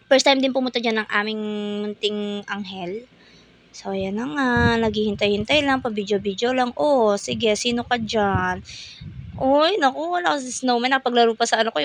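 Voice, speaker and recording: A young woman, chattily narrating a family day-out vlog in a playful, slangy way. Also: fairly high pitch. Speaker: vlogger, mother.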